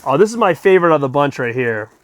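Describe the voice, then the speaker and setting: A middle-aged man hosting a casual unboxing vlog, chatty and excitable, swearing now and then. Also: on the high side, fast, no room sound. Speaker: collector vlogger and host.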